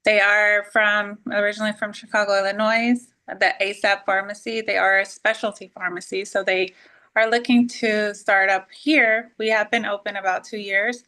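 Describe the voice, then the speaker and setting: A woman from Texas introducing herself as a pharmacist on a video call, speaking quickly with fillers. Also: mid-range voice, flat delivery, bright, forceful tone. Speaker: pharmacist applicant. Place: pharmacy shelving behind her.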